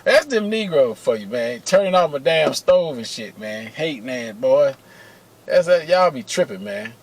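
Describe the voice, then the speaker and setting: A middle-aged man telling a personal story to camera in a casual, animated way, full of slang and cursing, talking to viewers as y'all. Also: mid-range voice, moderate pace. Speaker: vlogger telling personal stories. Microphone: camera mic, close.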